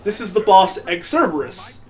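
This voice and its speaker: Over video game music, a gaming host plays through a let's play, his casual commentary full of wry, sarcastic jokes. His voice is high-pitched and sing-song, a little mellow, at normal speed.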